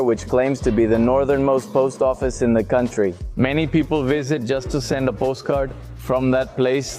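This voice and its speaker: Male vlogger, mid-pitched, steady guide narration, faint music behind. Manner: explanatory, tour-guide narration. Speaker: travel vlogger. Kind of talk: travel vlog narration.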